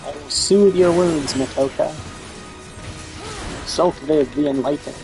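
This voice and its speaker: A man voicing a calm, caring adult healer who speaks slowly and soothingly. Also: a little high, over music, poor audio.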